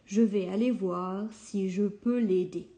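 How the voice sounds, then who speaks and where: A woman voicing a kind, gentle wolf in a storybook tale, speaking slowly and sadly. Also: medium pitch, fairly even intonation, close to an everyday voice. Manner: slow, sorrowful and gentle.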